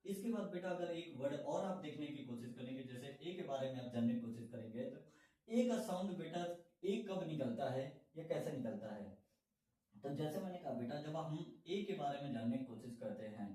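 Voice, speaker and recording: A man teaching English pronunciation, who explains slowly and keeps asking his students questions. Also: fairly high pitch, lively intonation, mellow. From India. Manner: explains slowly, repeats questions to students, calls them "beta". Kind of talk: classroom-style lesson. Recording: very echoey room, voice from far off.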